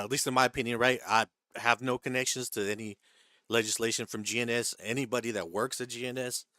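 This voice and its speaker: A man's voice: mid-range voice, pushed and bright, no echo, studio quality. A man hosting a live trading stream who reads viewer questions from the chat and explains the rules, often checking in with "right?" and "okay?". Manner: hedging, repeats himself, checks in with "right?" and "okay?". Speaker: stock trading livestream host.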